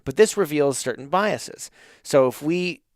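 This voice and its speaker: A man's voice: on the high side, lively intonation, measured pace, no echo, clean studio sound. A man hosting a podcast, speaking in a thoughtful, reflective way. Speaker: podcast host. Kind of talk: interview and scripted intro.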